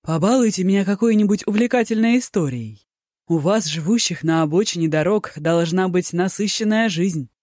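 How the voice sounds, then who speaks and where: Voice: medium pitch, normal speed, a little mellow, no room sound, studio quality, natural voice. A narrator voicing a flamboyant, tipsy male poet who is effusive and theatrically pleased with himself. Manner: effusive, theatrical, self-satisfied.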